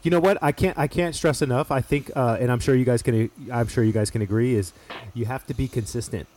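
A man's voice: medium pitch, fast, darkish tone, no echo. A man with an American accent chatting casually as a chef, emphatic and slangy with plenty of swearing. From United States. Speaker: chef making cooking videos. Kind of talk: casual podcast-style chat.

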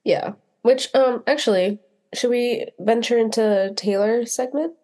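A young woman co-hosting a casual podcast chat, laughing often and reacting quickly. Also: fairly high pitch, warm tone. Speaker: podcast co-host.

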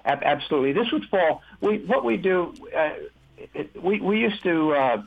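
A male guest, a deception-detection expert, explaining methodically with halting restarts in an interview. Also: high-pitched, lively intonation, vocal fry. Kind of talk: conversational interview. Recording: tinny phone line.

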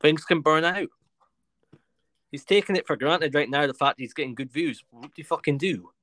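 A man's voice: a little high, moderate pace, fairly bright tone, no room sound. Young male podcast host, casual, cocky, stumbles on words, dry sound. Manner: boastful, swears, trips over his words. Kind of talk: casual chat.

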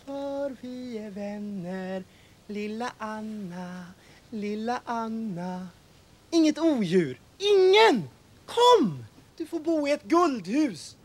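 A woman playing a tiny boy in a golden house in a film, coaxing and sing-song with sudden shouts. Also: a little high. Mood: enticing.

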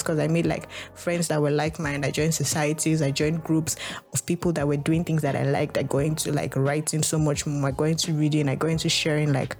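With a deep, creaky, darkish voice, this young Nigerian woman talks through her podcast in Nigerian-accented English. Her monologue is casual and reflective but rambling, thick with "like" and frequent restarts.

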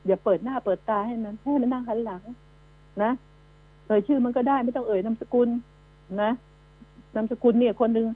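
A woman's voice: on the high side, fairly quick, pauses often. A woman hosting a radio news commentary show, scolding and emphatic, firing rhetorical questions at her listeners. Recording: narrow phone-like radio line with mains hum.

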